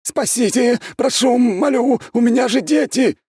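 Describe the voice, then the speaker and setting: A panicked male prisoner squeals on one note. The voice is pushed very high and loud, shrill and pleading, read close and dry for an audiobook. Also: measured pace, breathy edge, dry recording, heavily acted.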